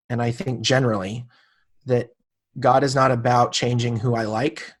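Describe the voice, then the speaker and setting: A man in his late thirties, a podcast guest, telling a personal story in casual conversation and acting out the people he quotes. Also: medium pitch. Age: 30s.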